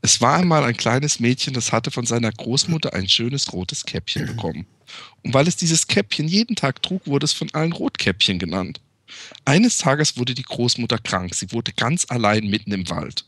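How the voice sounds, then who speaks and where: Sarcastic young male host, lively, bright and husky, dry close sound. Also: medium pitch, moderate pace, dry recording. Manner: sarcastic, crude asides. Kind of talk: mocking fairy-tale reading.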